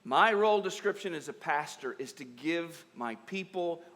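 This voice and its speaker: A man from the United States preaching at a conference, speaking in short phrases and pausing for an interpreter. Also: a little high, animated, fairly bright tone. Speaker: pastor. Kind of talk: conference sermon with live interpretation. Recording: echoey hall with long reverb.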